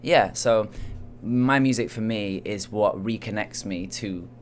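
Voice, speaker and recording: Faint music plays behind a young soul singer from Manchester, England, as he chats in a casual interview. His voice sits on the low side at a measured pace, and he is soft-spoken, hesitant and full of fillers.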